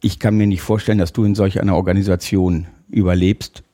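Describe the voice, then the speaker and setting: A German man in his fifties, speaking as a guest in an interview. His voice sits low, with a dark, mellow tone. He tells his story in a relaxed way, pausing and hesitating often. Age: 50s. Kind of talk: conversational interview.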